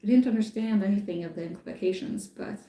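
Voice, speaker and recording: A woman who grew up in France, chatting casually on a live stream and thinking aloud with many pauses and fillers. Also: mid-range voice, mellow. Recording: echoey room.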